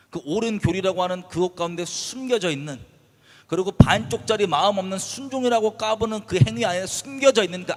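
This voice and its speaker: A man preaching a sermon as pastor. He talks with passion, drops to soft low asides, then breaks out loudly. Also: big-room sound. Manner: impassioned, shifting between soft low asides and loud bursts.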